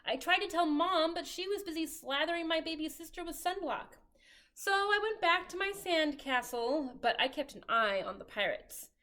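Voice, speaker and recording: A woman leading a children's storytime, reading a picture book aloud in a cheerful, animated way. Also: extremely high pitch, moderate pace. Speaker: children's librarian.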